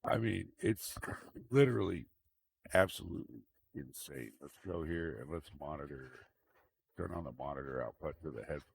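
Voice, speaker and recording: A man giving a casual, unscripted tech demonstration, rambling and repeating himself, with a gravelly voice. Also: a bass voice, expressive, normal speed. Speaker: tech video host. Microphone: microphone into computer audio mixer. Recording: very noisy microphone with fan noise. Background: fan running.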